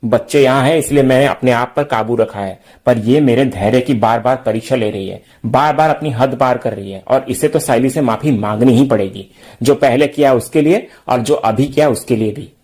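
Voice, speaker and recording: A stern, hurt father scolding his grown son, read out by a male narrator. The tone is reproachful and lecturing. The voice is mellow and darkish at a middle pitch. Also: normal speed, close to an everyday voice.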